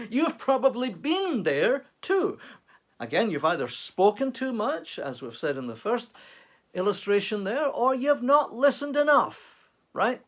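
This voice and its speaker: A man's voice: high-pitched, sing-song, takes it slowly, a bit bright. A man, an author, giving a chatty, reflective talk to camera full of rhetorical questions.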